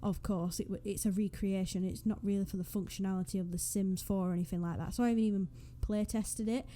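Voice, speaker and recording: A young woman from northwest England, a Sims YouTuber with a Northwest English accent, rambles casually over a game build, throwing in self-deprecating asides. Recorded on a USB desk microphone with slight background noise, her medium-pitched voice is mellow and steady, moving at a quick pace.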